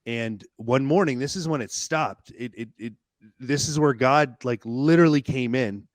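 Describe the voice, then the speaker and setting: A middle-aged man tells his story as a podcast guest, candid and halting, often restarting a phrase. His voice sits at an ordinary pitch. The sound is dry and close. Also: no echo. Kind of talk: personal storytelling in a podcast interview.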